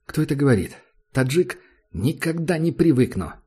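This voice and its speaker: Audiobook: male reader voicing a wary young survivor, curious, slightly raised pitch. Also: animated, moderate pace, mellow, husky.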